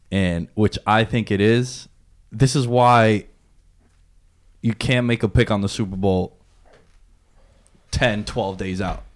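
A man giving casual sports analysis as a podcast panelist. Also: mid-range voice.

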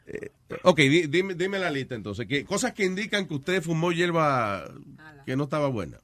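A man's voice: a little high, big pitch swings, normal speed, a bit bright. A man hosting a radio talk show, chatting casually and laughing, slipping English phrases into his talk. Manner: laughing, code-switching into English. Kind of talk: bilingual casual radio banter.

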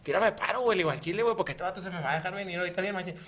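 A Mexican man with a high, bright voice rattles through a story at a fast clip. He is a podcast co-host in casual chat, rowdy, profane and breaking into laughter often. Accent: Mexican Spanish.

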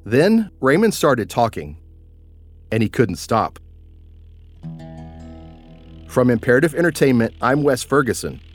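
A male podcast host delivers scripted narration with a measured storytelling manner. His pitch moves in a lively way, over faint music.

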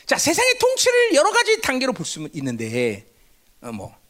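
Animated woman preaching, high lively voice. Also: normal speed. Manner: constantly asks the listeners rhetorical questions and answers them; lively, emphatic delivery with sudden drops to a low, hushed voice. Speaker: Bible teacher. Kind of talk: sermon-style Bible lecture.

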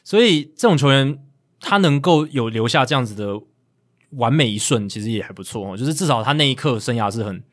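Speaking with a Taiwanese Mandarin accent, a man hosts a casual sports chat podcast, reading out statistics, explaining them and tossing in asides. His medium-pitched voice is expressive and a little fast.

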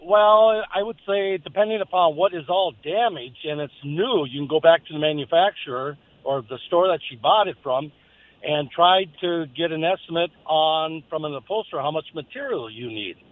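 A man's voice: fairly high pitch, moderate pace, dry recording. A man calling in to a radio show on speakerphone while driving, giving matter-of-fact upholstery advice. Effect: phone call on speakerphone from a car. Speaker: caller, upholsterer. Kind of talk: casual call-in advice. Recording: tinny phone line.

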